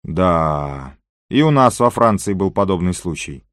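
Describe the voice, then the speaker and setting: A man voicing an excitable, talkative Frenchman in an audiobook, speaking with animated emphasis. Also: low-pitched, measured pace, clear, resonant tone, dry recording, studio quality, heavily acted. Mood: lively.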